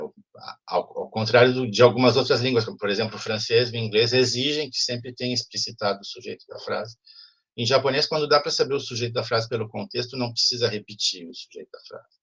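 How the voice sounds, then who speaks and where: A man's voice: mid-range voice, fairly bright tone, husky. A man teaching a Japanese class over a video call, explaining patiently and often checking in with students. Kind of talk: online class lecture.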